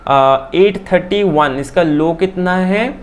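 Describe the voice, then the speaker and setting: Fast-talking man teaching a chart lesson. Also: high voice. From India. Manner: fast, repeats phrases, says "theek hai" often. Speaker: stock market trading teacher.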